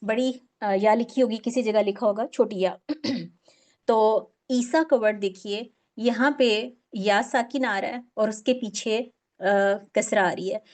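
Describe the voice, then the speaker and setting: A woman's voice: medium pitch, unhurried, darkish tone. A woman teaching a recitation class, explaining patiently step by step and drawing out example words.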